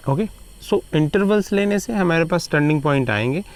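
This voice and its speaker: A man teaching a math lesson, switching between Hindi and English and slowing down to repeat key terms. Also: a little high, animated. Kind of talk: classroom lecture.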